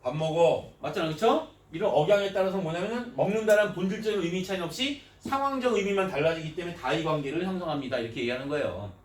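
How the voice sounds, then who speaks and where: A man's voice: sits high, animated, racing, hardly any pauses. A man teaching a grammar class, often checking in with his students through short questions and moving between polite and casual speech. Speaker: Korean language teacher. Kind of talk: classroom lecture. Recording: echoey room, mic at a distance, faint noise.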